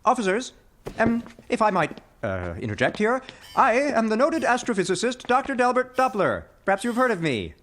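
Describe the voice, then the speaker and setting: Nervous academic for animation: neurotic, anxious stammer, hugely varied pitch, socially awkward. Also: male voice, huge pitch swings, normal speed, a bit bright, a little hiss or hum, heavily acted. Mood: nervous, hesitant. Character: nervous, socially awkward male astrophysicist doctor. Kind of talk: animated film voice acting.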